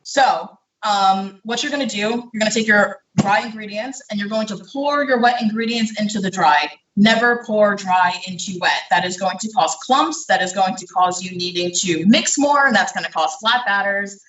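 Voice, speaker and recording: A bright, chatty baker explains each step of a recipe while cooking, filling pauses with "um" and a hint of breathlessness. The voice sits back from the microphone in a roomy home kitchen with plenty of echo. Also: mid-range voice, far from the mic. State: slightly out of breath. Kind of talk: live cooking demonstration. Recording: echoey kitchen, speaker away from mic.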